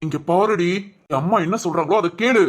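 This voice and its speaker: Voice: mid-range voice, fairly quick, close to an everyday voice. A voice actor playing a stern young husband in a cartoon who sides with his mother, lecturing and commanding, with Tamil village speech. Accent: Tamil Nadu village speech.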